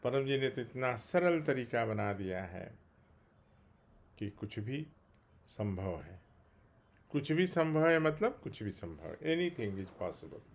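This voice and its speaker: A man speaking as a spiritual teacher in a daily talk, earnest and emphatic, repeating key phrases and reciting slow chant-like invocations. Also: fairly low pitch, sing-song.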